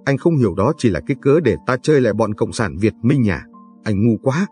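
A man reading the part of a scheming party leader who scolds his underling slowly and with contempt, in an audiobook narration. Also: medium pitch, lively intonation, darkish tone, natural voice. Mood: cold scorn. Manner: slow, measured, scornful. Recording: dry, faint background music.

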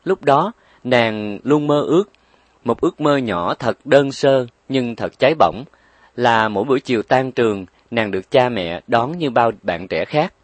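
A man narrating a story in a steady, expressive reading. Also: mid-range voice, no echo.

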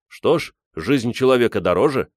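A man's voice: medium pitch, lively intonation, moderate pace, a little mellow, no room sound, pitched above the performer's own voice, natural voice. A man playing an eager, earnest young man with a curious manner.

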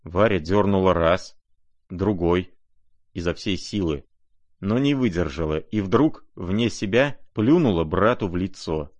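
A man narrating a classic novel as an audiobook, in a measured, expressive reading. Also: sits low, no echo.

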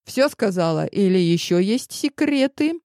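A woman's voice: mid-range voice, animated, unhurried, darkish tone, dry recording, studio quality. A woman narrator voicing a hurt wife who keeps a cool, strict tone. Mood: cold. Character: stern, hurt wife holding back tears. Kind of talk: audiobook character voice.

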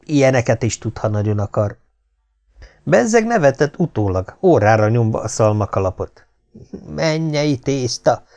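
Expressive male audiobook narrator. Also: lowish voice. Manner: expressive, wry storytelling.

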